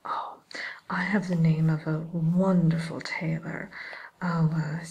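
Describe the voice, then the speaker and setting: A woman voicing a vain, sly witch tutor in a whispered ASMR roleplay, genteel and gently condescending to a pupil, with a soft, breathy, hesitant delivery. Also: deep voice, flat delivery, poor audio. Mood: helpful, courteous. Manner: unhurried, hesitant, politely condescending, addresses listener as pupil.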